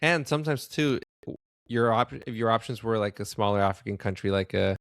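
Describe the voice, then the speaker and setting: Smooth-voiced man, hesitant podcast chat. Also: on the low side, brisk, dry recording, clean studio sound. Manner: hesitant, heavy use of "like". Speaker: podcast co-host. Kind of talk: casual chat.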